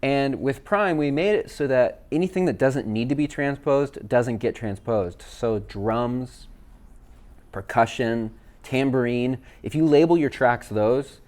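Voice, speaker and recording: A man, a worship leader, walking viewers through app features in a relaxed, chatty way with fillers. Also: mid-range voice, measured pace. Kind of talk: casual software demo. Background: backing tracks playing.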